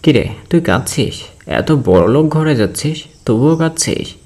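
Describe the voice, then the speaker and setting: Woman voicing a deep teasing young man. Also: expressive, measured pace, darkish tone, slightly rough, exaggerated voice. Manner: mocking, needling.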